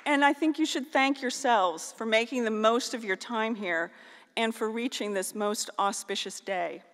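A woman's voice: fairly high pitch, normal speed, fairly bright tone, a faint crowd. Woman giving a ceremonial speech in a hall. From northeastern Ohio, US. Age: middle-aged. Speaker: keynote speaker at a graduation. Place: large auditorium stage. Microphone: podium microphone on a stand. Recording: long hall reverb.

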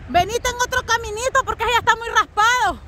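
A woman vlogging outdoors in the snow, shouting encouragement, laughing and teasing her family. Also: extremely high pitch, a little fast, slight background noise. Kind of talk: casual outdoor vlog chatter.

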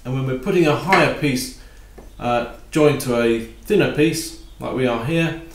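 A man giving a calm, practical woodworking tutorial while he works at a bench in his home workshop. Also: medium pitch, unhurried, echoey room. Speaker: woodworking instructor.

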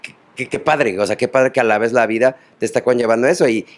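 A man's voice: mid-range voice, fast talker. Mexican guy hosting an interview, mid voice, wanders around his questions with lots of ehs. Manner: rambling, hesitant questions with many fillers. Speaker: interview host. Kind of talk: casual interview.

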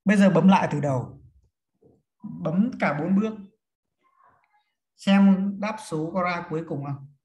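A man's voice: sits high, a little mellow, dull audio. A man teaching a class, counting and explaining steps one by one to his students. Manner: slow, step-by-step counting and instructing. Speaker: feng shui teacher. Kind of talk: classroom lesson. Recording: echoey room.

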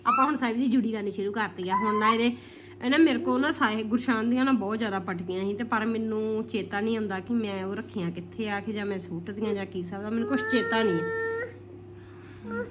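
A woman's voice: mid-range voice, fast. A woman, chatting casually for a family vlog into a phone at home. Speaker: vlogger and mother of a toddler. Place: living room at home, indoors. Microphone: phone at arm's length. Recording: noisy phone recording in a room.

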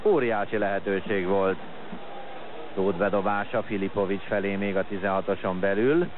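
Excited football commentator, noisy broadcast, man. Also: fairly low pitch, narrow, tinny audio. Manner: excited at chances and goals, calling play in short clipped phrases.

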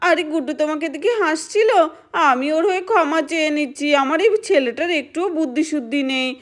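Woman doing a worried village mom in a doll show, apologetic, high voice. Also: fast, lightly acted. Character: anxious village mother of a boy.

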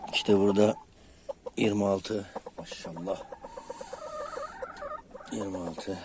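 A man's voice: low voice, steady tone, takes it slowly, heavy background noise. A man collecting eggs in a chicken yard, counting aloud and talking fondly to his hens in a casual vlog. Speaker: chicken keeper. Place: outdoors in a chicken yard by the sea.

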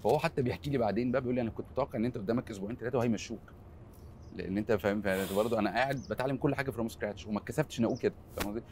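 A man's voice: mid-range voice, rapid-fire, a little mellow, slight background noise. An Egyptian man in his forties with an Egyptian Arabic accent, a film editor speaking earnestly as an interview guest, often trailing off into repeated fillers. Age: 40s. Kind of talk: candid interview conversation.

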